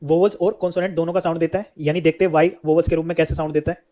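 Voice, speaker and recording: A man's voice: a little high, little pitch movement, very fast, mellow. A man teaching an English lesson, who keeps asking questions and then answers them himself. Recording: dull lo-fi sound.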